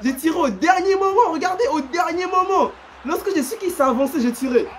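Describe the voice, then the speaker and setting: Excitable high-voiced gamer. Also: male voice, fairly quick. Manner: excitable, slangy, repeats himself, bursts into shouts and laughs. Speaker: gaming YouTuber. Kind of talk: live gameplay commentary.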